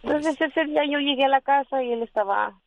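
A woman's voice: high voice, brisk. A woman in her forties calling into a radio show, telling a personal story at length and quoting the lines of the people in it. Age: 40s. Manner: rambling storytelling, quoting dialogue. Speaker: caller. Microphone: telephone. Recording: dull phone line.

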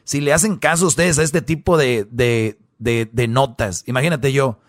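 A man's voice: mid-range voice, moderate pace, no echo, studio quality. A man with a Mexican accent, hosting a comedy segment and mocking a web article with crude sarcasm. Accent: Mexican Spanish. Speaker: show host.

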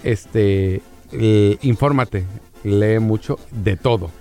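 A man's voice: lowish voice, drawn-out words, warm tone. A man with a Mexican accent working as a radio announcer, chatting easily and laughing with his co-hosts. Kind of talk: casual radio banter. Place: radio studio.

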